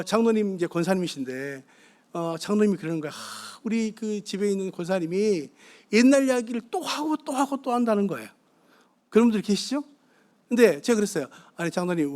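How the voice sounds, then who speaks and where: A man's voice: sits high, darkish tone. A middle-aged man preaching a sermon on marriage to a church congregation, asking them questions as he goes. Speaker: guest pastor. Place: church sanctuary.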